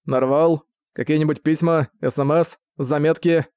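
A man reading an audiobook, playing a weary, calm knight leader who speaks in a measured way. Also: on the high side, clear, resonant tone, no room sound, studio quality, lightly acted.

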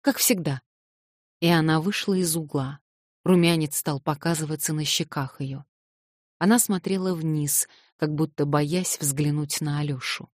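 A woman narrating a classic novel in a measured, expressive audiobook reading. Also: deep voice, no echo, clean studio sound. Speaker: audiobook reader.

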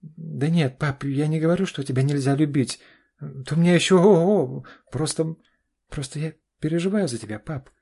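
A man's voice: fairly high pitch, moderate pace, gravelly, warm tone, husky, pitched above the performer's own voice. A man voicing a pushy, anxious young adult daughter in an audiobook, pleading and insistent. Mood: worried. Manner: pleading, insistent, keeps saying "dad". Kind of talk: audiobook character voice.

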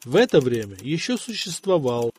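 A man reading a historical novel aloud in an even, measured way as an audiobook narrator. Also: on the high side, husky.

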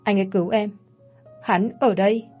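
Frightened stubborn young girl read by a woman, pleading, soft mellow voice. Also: medium pitch, fairly even intonation, moderate pace, husky, soft background music, close to an everyday voice. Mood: scared, pleading. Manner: pleading and defiant.

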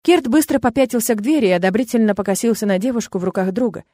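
A woman narrating a fantasy audiobook in a steady, even reading voice. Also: on the high side, rapid-fire, no echo, studio quality. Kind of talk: scripted narration.

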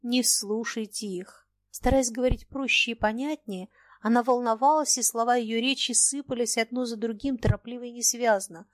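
A woman narrating a novel as an audiobook, reading in a measured, steady way. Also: fairly high pitch, no room sound. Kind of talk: scripted narration.

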